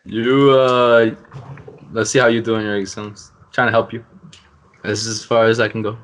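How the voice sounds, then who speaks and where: A young man, a university student, hosts a casual podcast and teases his friends with joking banter. His voice is on the low side and fairly bright, delivered flatly at a moderate pace.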